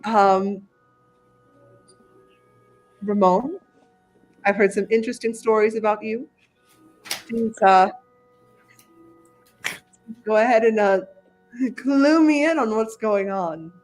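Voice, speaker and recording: A woman's voice: mid-range voice, slow, pauses often, darkish tone, soft background music, natural voice. Woman voicing a hesitant, polite female therapist. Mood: inviting. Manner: hesitant, lots of ums and uhs. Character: calm adult female therapist, polite and probing. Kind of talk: tabletop role-play.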